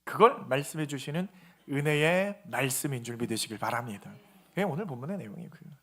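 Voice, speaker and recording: A man preaching a sermon as pastor, lively and conversational, acting out quoted voices and putting questions to the congregation. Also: medium pitch, fairly quick.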